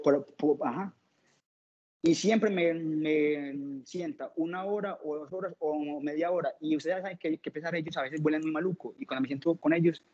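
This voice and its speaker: Male lay preacher, slightly high voice, stammering testimony style, muffled lo-fi recording. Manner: halting, with many stammered restarts and repeated words. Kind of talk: informal preaching testimony to a group. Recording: dull lo-fi recording.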